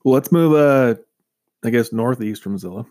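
A man's voice: medium pitch, moderate pace, a little mellow. A man hosting a local sports radio show, reading scores and joking with his co-hosts in a casual, upbeat way.

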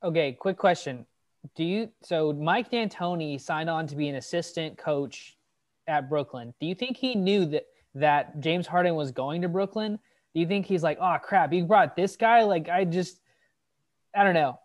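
Man, podcast co-host, slightly high pitch, casual questioning chat. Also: normal speed.

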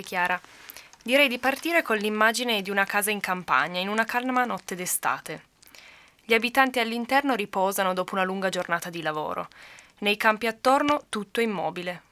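A woman narrating folklore for a podcast in a calm, measured reading. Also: mid-range voice, dry recording. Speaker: podcast co-host storyteller.

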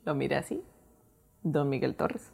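A woman telling a personal story in a casual, animated way, acting out her own reactions. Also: very deep voice, normal speed, vocal fry, breathy edge. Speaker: guest telling her testimony.

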